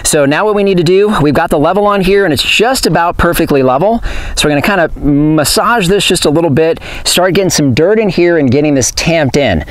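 Out on open farmland, a middle-aged homesteading vlogger gives a casual, practical how-to explanation, filmed by a camera a few metres away. His voice sits on the high side and he speaks briskly, a little out of breath, plainly and practically while talking with his hands. There's no echo.

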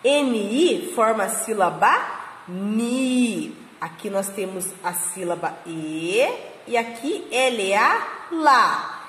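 A Brazilian woman teaching small children to read, spelling syllables slowly and patiently. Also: mid-range voice, lively intonation, a bit bright. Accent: Brazilian Portuguese. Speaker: kindergarten teacher. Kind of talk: slow phonics lesson for small children. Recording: echoey room with long reverb.

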